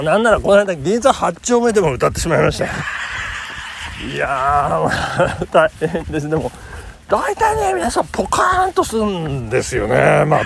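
A man in his fifties hosts his own talk show while out on a morning run. His voice sits a little high with a gravelly edge and swings widely in pitch. He chats in a playful, mock-formal way. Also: slight background noise. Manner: jokingly formal, lively and chatty. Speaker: podcast host. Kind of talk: casual solo talk show countdown.

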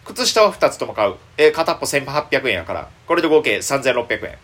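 Excitable Kansai-accented young man, lively pitch. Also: brisk. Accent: Kansai Japanese. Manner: excitable, thinks aloud, frets and rambles. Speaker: comedian and podcast host. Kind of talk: solo casual chat.

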